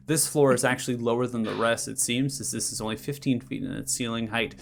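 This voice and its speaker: A man's voice: mid-range voice, fairly even intonation, a little fast, vocal fry, a little hiss or hum. A man narrating a tabletop fantasy game as game master, with a dramatic, descriptive delivery.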